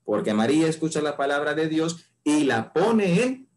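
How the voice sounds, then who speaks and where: Guy preaching a bible lesson, kinda high voice, reads the verses slow and punchy, asks questions then answers them. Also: sing-song, a little mellow. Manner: slow emphatic reading of scripture, rhetorical questions.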